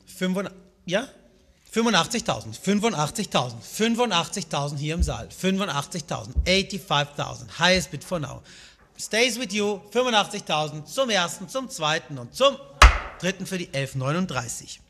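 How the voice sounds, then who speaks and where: A man's voice: high-pitched, very animated, normal speed, a bit bright. A man in his thirties working as an auctioneer, calling out and repeating bid amounts in a live saleroom, switching between German and English. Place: auction saleroom at a rostrum, indoors. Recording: reverberant hall sound.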